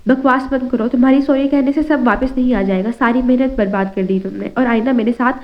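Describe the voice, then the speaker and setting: A woman's voice: sits high, flat delivery, fast, close to an everyday voice. A woman voicing a stern, hot-tempered young man who scolds harshly, in a storybook reading with slightly dull lo-fi sound. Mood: angry.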